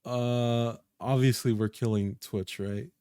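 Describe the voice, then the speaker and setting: A man's voice: medium pitch, steady tone, takes it slowly, dark tone, smooth, no room sound, studio quality. Laid-back, slangy young man on a podcast. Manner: laid-back, slangy, says "bro" often. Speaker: podcast co-host. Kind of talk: casual banter among friends.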